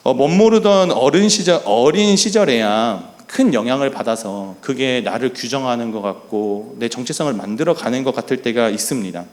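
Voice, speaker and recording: A middle-aged man preaches a sermon in an earnest, storytelling way. His pitch is medium, and his voice rises and falls a great deal. He acts out quoted lines softly as he talks. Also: animated, moderate pace, hardly any pauses. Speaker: pastor.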